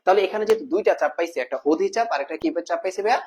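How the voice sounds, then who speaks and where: A high-pitched, slightly mellow voice races through a math lesson, with slight background noise. The man, a math tutor, keeps it casual, repeating each term and questioning the viewer, addressing them as brother.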